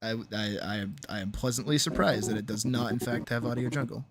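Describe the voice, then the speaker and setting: A man's voice: medium pitch, fairly quick, a crowd in the background. A man chatting casually and thinking aloud as he edits on a livestream, swearing freely and sarcastically, with some muttering to himself. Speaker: animator editing their own series on a livestream. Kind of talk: casual chat, thinking aloud while editing.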